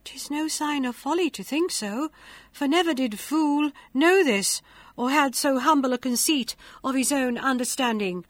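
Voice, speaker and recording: A woman voicing a brave, gentle young heroine who speaks softly and earnestly. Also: high-pitched, measured pace, no echo, pitched above the performer's own voice.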